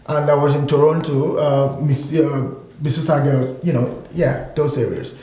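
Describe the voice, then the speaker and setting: A man speaks as a guest in a relaxed discussion, his voice sitting a little high for a man. He drives his points home by repeating them and fills pauses with plenty of ums and you-knows. The room around him sounds echoey. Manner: emphatic, repeats points, many fillers. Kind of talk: casual discussion.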